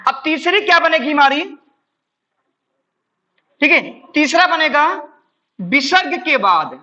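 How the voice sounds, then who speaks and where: A man teaching grammar in a bright, sharp voice whose pitch swings widely as he talks. He asks his own questions, answers them himself, and keeps checking in with "ठीक है". The recording sounds dull and lo-fi. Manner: addresses viewers as friends, explains step by step. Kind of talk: exam-prep classroom lesson.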